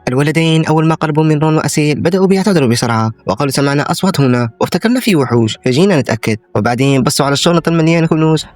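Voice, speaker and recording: A man's voice: medium pitch, dry recording. A man with an Egyptian accent narrating a comic-story recap and speaking directly to his viewers. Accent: Egyptian Arabic. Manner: lively, direct address to viewers.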